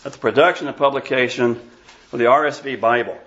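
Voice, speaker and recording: Older man, pastor, emphatic sermon, mid-pitched voice, muffled church recording. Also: fast, fairly bright tone. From Iowa. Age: 60s. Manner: scornful, emphatic, chats with congregation. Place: church sanctuary.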